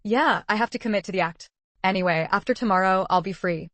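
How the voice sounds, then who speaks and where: A woman reading the lines of a sharp-tongued young woman disguised as a boy in an audiobook, in her own everyday voice and a wry, teasing manner. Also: mid-range voice, quick pace, dry recording, lightly acted.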